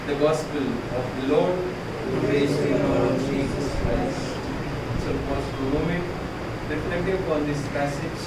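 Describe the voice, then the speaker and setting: A male priest reads funeral prayers and scripture with solemn, measured phrasing. His voice sits a little high for a man. It is recorded from some distance in a very echoey space, with loud rumbling noise behind him. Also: steady tone. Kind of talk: liturgical prayer and scripture reading.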